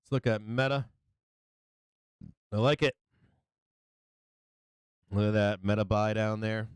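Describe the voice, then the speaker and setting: A man's voice: on the low side, fairly even intonation, slow pace, clean tone, no echo. A man hosting a live trading show with casual, blunt, profane and slangy commentary, often joking as he goes. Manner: jokey, chuckles often at own remarks. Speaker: host of a live stock market show.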